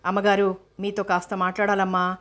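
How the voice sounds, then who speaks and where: A woman voicing a loyal, devoted housemaid who speaks softly and respectfully. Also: mid-range voice, completely flat delivery, a little fast, lightly acted. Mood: pleading. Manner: soft, respectful pleading.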